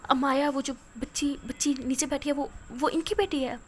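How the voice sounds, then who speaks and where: A woman voicing an elderly grandmother who breaks down in tears, speaking in halting, broken phrases. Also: high voice, fairly even intonation, slight background noise, pitched above the performer's own voice, lightly acted. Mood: tearful shock. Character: elderly grieving grandmother, tearful.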